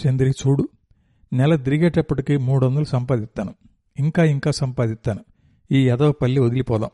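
A man's voice: mid-range voice, fairly even intonation, a little fast, mellow, dry recording, close to an everyday voice. A man voicing a stubborn, hardworking young fisherman in a read-aloud story, talking bluntly and plainly. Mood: determined.

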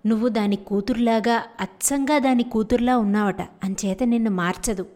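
A woman's voice: on the high side, normal speed, natural voice. Woman doing a kindly storybook parrot. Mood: hushed, kindly. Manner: gentle, soothing and warning. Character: kind talking parrot, really an enchanted girl.

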